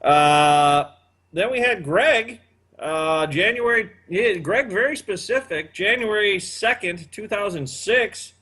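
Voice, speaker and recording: A man's voice: high voice, lively intonation, slow, pushed and bright, husky. A man in his fifties hosting a casual chat, rambling with many fillers. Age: 50s. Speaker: podcast host.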